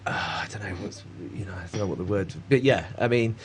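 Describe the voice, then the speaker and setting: Male artist, lowish voice, halting rambling chat. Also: noisy background. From Cornwall, England. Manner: rambling and hesitant, many fillers, laughs often. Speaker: artist guest. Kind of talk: casual conversation.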